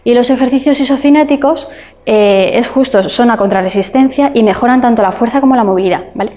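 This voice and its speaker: A woman lecturing as a speech therapist, her voice a little high yet mellow and warm. She explains step by step, with fillers and quick checks that her listeners are following. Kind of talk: online lecture.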